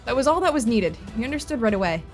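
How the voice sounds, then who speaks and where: A woman with a high voice reads a visual novel aloud over soft game music. She is expressive and reactive, slipping between narration and casual commentary as a let's play host. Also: rapid-fire.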